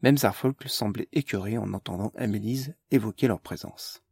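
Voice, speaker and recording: A man narrating an audiobook in an even, measured way. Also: on the low side, creaky, husky, no room sound, studio quality.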